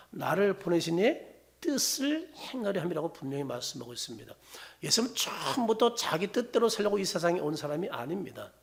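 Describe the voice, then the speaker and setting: A man's voice: fairly high pitch, gravelly. A middle-aged man preaching a sermon as pastor. He asks his congregation questions and answers them himself, rising and then dropping to near-whispers.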